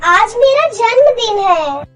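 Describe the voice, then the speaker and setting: A woman voicing a gentle, mistreated young girl in a cartoon story, pleading and tearful. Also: extremely high pitch, very animated, slow, soft background music, voice pushed up, heavily acted.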